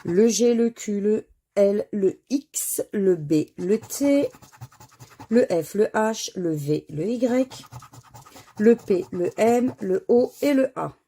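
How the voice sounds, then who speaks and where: A woman with a gravelly, husky voice talks slowly through her scratch tickets. Her tone is dark and mellow as she spells out letters one by one and sighs at the misses in casual commentary. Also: medium pitch, animated. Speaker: scratch card vlogger.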